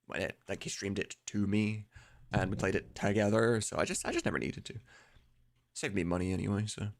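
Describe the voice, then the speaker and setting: With music in the background, a man streams casually as he works, swearing and thinking aloud; he's a streamer and mod voice director. He speaks a little fast in a lowish, creaky voice.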